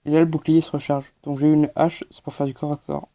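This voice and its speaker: A man's voice: a little high, flat delivery, fairly quick, dark tone, muffled recording. A man giving hesitant, explanatory gameplay commentary as a channel host, with many fillers.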